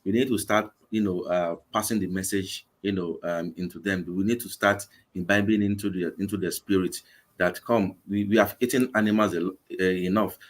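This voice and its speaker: On a live video-call interview, a vegan campaign organizer in his forties speaks with a Nigerian English accent. His voice is low and steady at a moderate pace, and he talks earnestly, often repeating himself.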